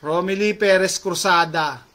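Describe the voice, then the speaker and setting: Chatting casually as host, a chatty middle-aged man reads out viewer comments while sliding between Tagalog and English, filling gaps with lots of fillers. His voice runs slightly higher than the typical man's, a bit bright and a little slow.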